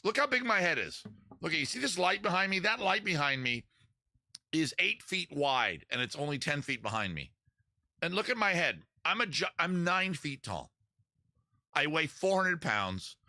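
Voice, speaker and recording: This singer-guitarist host runs a live-streamed show of beer and songs, sheltering under a little outdoor rain tent and talking to the chat with rambling, self-deprecating jokes between numbers. His slightly high, sharp voice has big pitch swings at a moderate pace. The live-stream mic gives a dry, studio-quality recording, with guitar behind him.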